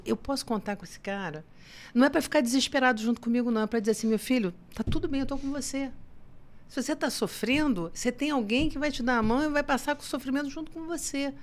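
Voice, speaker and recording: A woman educator, making emphatic points in a casual podcast chat. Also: a little high. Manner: emphatic, opinionated.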